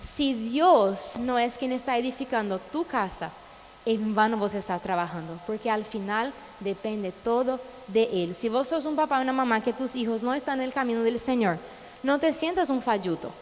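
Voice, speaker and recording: A woman's voice: on the high side, moderate pace, in a large hall, slight background noise, poor audio. A woman pastor from Brazil preaching a sermon, passionate and full of rhetorical questions.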